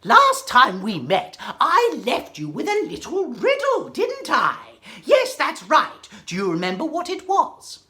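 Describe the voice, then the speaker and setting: A woman playing a zany, excitable Mad Hatter in a theatrical children's monologue, whimsical and exclamatory, chatting to young listeners. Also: high-pitched, measured pace, few pauses, exaggerated voice. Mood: playful, giggly. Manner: whimsical, exclamatory, giggles at own jokes, chatty with audience. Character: zany, giggling, excitable Mad Hatter telling silly jokes. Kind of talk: theatrical children's character monologue and poem recital.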